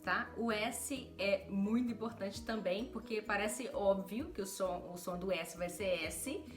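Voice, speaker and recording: A woman's voice: medium pitch, measured pace, echoey room, over music. A Brazilian woman teaching pronunciation in a casual video lesson, chatty and laughing often, with Portuguese as her first language. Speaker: English teacher.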